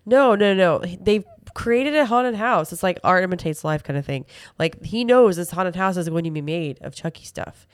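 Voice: medium pitch, lively intonation, normal speed, few pauses, dry recording, clean studio sound. A podcast co-host in casual chat, often jumping in to ask questions and double-check the story. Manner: interjecting, asks to clarify.

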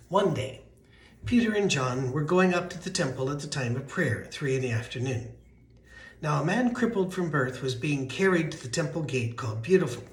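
Thin, weak-voiced American man preaching, higher-pitched. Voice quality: thin, weakened voice. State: voice weak from allergies. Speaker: pastor. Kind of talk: conversational sermon with storytelling and scripture reading. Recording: roomy, echoing sound.

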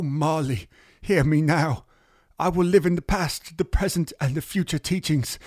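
A man's voice: fairly high pitch, a little mellow, dry recording, studio quality, close to an everyday voice. A man playing a fussy, cowardly old miser in a comedy audio drama, stammering and theatrical. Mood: elated.

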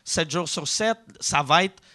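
A man's voice: on the high side, measured pace, sharp tone. A man with a Québécois accent hosting a podcast, doing a crude, joking sponsor read and laughing often. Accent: Québécois French. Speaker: podcast host. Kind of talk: casual sponsor read with jokes.

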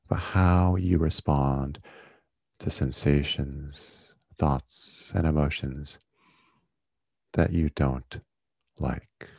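A man leading a guided meditation in a soothing, gentle, unhurried manner, like a yoga teacher. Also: a bass voice, creaky, husky, no room sound. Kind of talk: guided body-scan meditation.

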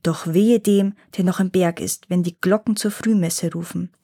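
A wise old gnome grandfather, read by a woman, recounts the old days at an even, unhurried pace. The voice stays close to a plain reading voice, calm and measured. It sounds like a storybook told aloud. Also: lowish voice, husky. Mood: telling.

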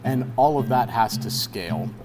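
A man's voice: mid-range voice, normal speed. Laid-back guy on a podcast, says you know a lot, some music under it. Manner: relaxed storytelling, many "you know" fillers. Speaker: engineer, podcast guest. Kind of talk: casual podcast chat.

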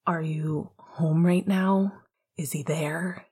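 A woman voicing a weary, lovesick young man in a storybook reading, with a quiet, husky, rueful manner. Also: low voice, steady tone, slow, heavily acted.

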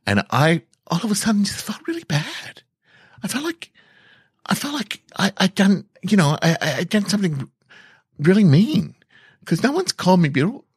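A man improvising a blunt young woman who rambles indignantly and climbs high in pitch when she gets upset. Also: very animated, normal speed, no echo, clean studio sound. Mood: tearful. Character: blunt young woman, brash then tearful.

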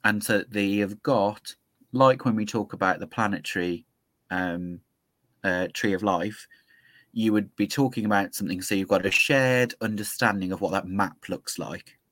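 A man co-hosting a podcast in casual discussion, thoughtful and hesitant, with many pauses and ums. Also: fairly low pitch, fairly bright tone. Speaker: podcast co-host.

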